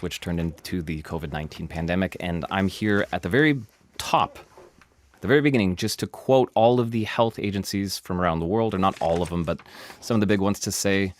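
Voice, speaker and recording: In a studio, a low-voiced man hosts a science podcast, walking through the news in a casual, animated style packed with asides and emphasis.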